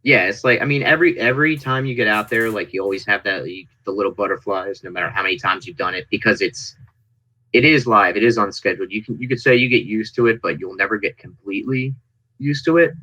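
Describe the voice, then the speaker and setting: A man chatting casually as an interview guest, telling stories in an animated way and acting out people's reactions. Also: fairly low pitch, fast talker, low-quality recording. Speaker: interview guest, indie wrestling performer. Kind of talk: casual interview chat, anecdotes.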